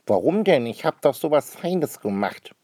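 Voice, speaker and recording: A man's voice: on the high side, sing-song, normal speed, dark tone, no echo, clean studio sound, voice pushed up. A man doing a cheeky little boy. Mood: stubborn. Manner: defiant, secretive.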